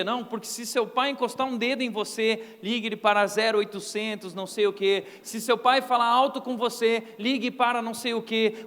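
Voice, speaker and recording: Brazilian pastor, light high voice, lively joking sermon, echoey church hall. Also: male voice. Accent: Brazilian Portuguese. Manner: humorous, animated storytelling.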